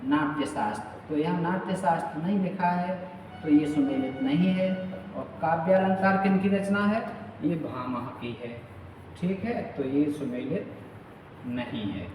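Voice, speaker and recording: A male teacher running an exam-prep quiz lesson, repeating each question and key word slowly and checking in with his students. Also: on the high side, darkish tone. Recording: far from mic in an echoey room with long reverb, faint noise.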